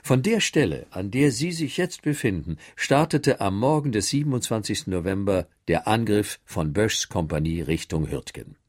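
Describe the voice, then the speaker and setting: A man giving clear, informative scripted narration as an audio tour guide. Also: lowish voice, expressive, moderate pace, few pauses, no echo, studio quality.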